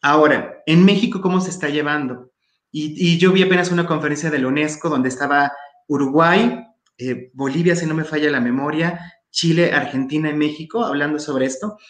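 A man's voice: on the high side, steady tone, fairly quick, fairly bright tone, roomy sound. A man with a Mexican accent, speaking emphatically in an interview about education and repeating his key phrases. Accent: Mexican Spanish. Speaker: education guest. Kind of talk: opinionated interview talk.

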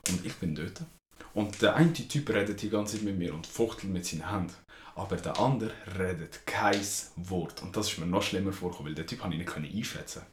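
A young man with a Swiss German accent, co-hosting a podcast and telling a story in slangy, animated casual chat. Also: deep voice, fairly quick, slight background noise. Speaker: podcast co-host. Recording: echoey room.

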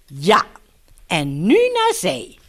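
A woman reading aloud and voicing a proud, handy male bear who builds his own boat, in a lowered voice. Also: wildly swooping pitch, extremely slow, heavily acted. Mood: pleased. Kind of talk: storybook read-aloud acting.

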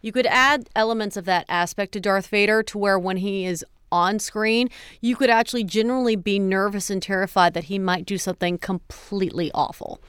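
A woman's voice: medium pitch, a little fast, few pauses, fairly bright tone, clear, resonant tone, no echo, clean studio sound. A woman co-hosting a podcast in casual chat, speculating in long run-on sentences. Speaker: podcast co-host.

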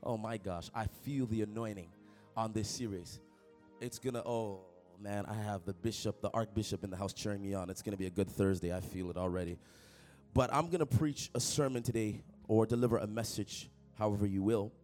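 Faint music plays behind a young male pastor from Toronto whose voice is lowish and fairly quick. He tells joking personal stories during his sermon, stays animated throughout, and addresses the congregation directly.

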